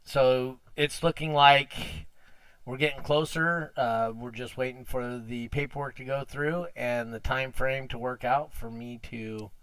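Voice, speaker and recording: A man hosting a casual car audio podcast livestream, chatty and quick to laugh. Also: medium pitch, fairly even intonation, a bit bright, clean tone, no room sound. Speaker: podcast host.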